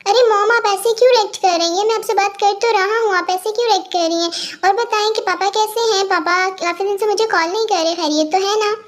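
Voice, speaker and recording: A woman's voice: extremely high pitch, quick pace, hardly any pauses. A woman playing an apologetic young son. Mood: placating. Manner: apologetic, placating. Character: young man, polite son, easily flustered. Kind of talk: fan audio story acting.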